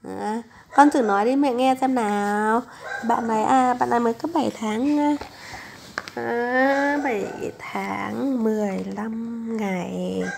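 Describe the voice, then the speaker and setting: A young woman, hoarse from a flu, coaxing her baby and chatting to viewers in a casual home vlog. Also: fairly high pitch, fairly even intonation, takes it slowly, noisy background. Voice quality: gravelly, husky voice. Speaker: mother vlogging with her baby. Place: home bedroom, on the bed.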